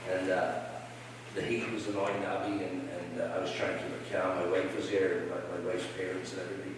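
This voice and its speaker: Irish folk singer, middle-aged, chatty and self-deprecating, live in a reverberant hall with a distant mic. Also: male voice, sits low, flat delivery, fast talker, background noise. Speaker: folk musician. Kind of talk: storytelling between songs at a live show. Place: community hall event. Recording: echoey hall, mic from far, loud guitar.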